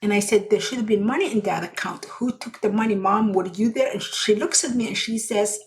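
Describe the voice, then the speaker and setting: A middle-aged woman from Somalia, hosting a personal storytelling podcast in an earnest, unhurried way with pauses and restarts. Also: medium pitch, rough recording. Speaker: podcast host.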